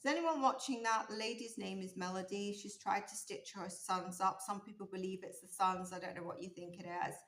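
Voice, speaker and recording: Reading tarot casually at a candlelit table indoors, this woman talks fairly quickly with hardly any pauses, her mid-range voice fairly bright but a little strained as she loses it. She muses aloud, full of ums and restarts. An overhead camera catches just her hands and the cards, with a roomy echo on the sound.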